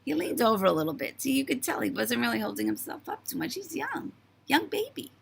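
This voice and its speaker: A woman in her fifties telling a story to the camera in a chatty, marvelling way, her voice starting to go hoarse. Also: fairly high pitch, huge pitch swings, brisk, a little hiss or hum. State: voice going hoarse. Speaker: vlogger.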